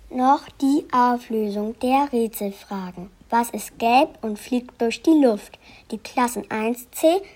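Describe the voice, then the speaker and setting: A young presenter of a school radio show, reading her script slowly and carefully. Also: fairly high pitch, a little mellow.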